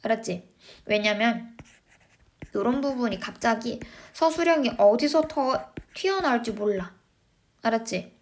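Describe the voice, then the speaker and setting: A woman's voice: on the high side, animated, unhurried, long pauses. A woman teacher giving a recorded English lesson to middle school students, coaxing them along and checking in with tag questions after nearly every point.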